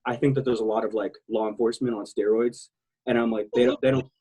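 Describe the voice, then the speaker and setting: A man's voice: medium pitch, steady tone, fast talker, warm tone, a little hiss or hum, rough recording. A man from South Texas talking casually as a podcast guest, candid and rambling, swearing freely. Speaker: guest, military veteran.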